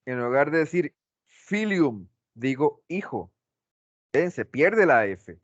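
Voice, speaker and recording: A man's voice: fairly high pitch, very animated, slow pace, dry recording. A male teacher giving a class lecture, asking the class questions and repeating his examples, on a dull lo-fi recording.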